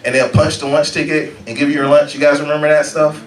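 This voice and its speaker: A man from Florida doing a stand-up comedy set on a club stage, animated and jumping into loud high-pitched bits. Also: fast, a little hiss or hum. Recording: roomy club sound, mic some distance off, loud crowd laughter.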